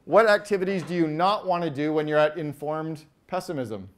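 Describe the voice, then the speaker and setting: Speaking to a live audience from the stage, this Canadian keynote veteran has a voice a little high for a man and plenty of lively energy. He keeps quizzing the crowd with quick questions, rushes through lists of examples and animatedly voices the people he quotes.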